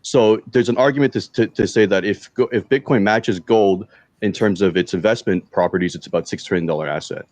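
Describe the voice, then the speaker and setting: A low-voiced man talks in an animated way, often laughing and stopping to correct himself. The sound is dry and close, with no echo from the room. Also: a little fast. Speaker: podcast co-host. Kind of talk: casual chat.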